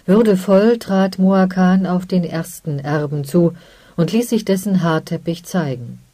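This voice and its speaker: An audiobook narrator reading a fantasy story in calm, measured scripted narration. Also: medium pitch, no echo.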